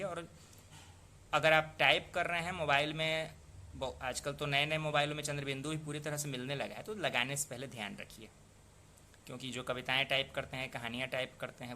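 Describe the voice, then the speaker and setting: This Hindi teacher's voice is a little high, pushed, and bright, with a bit of hiss or hum in the recording. He patiently walks through pronunciation and spelling, saying words aloud and putting rhetorical questions to the listener.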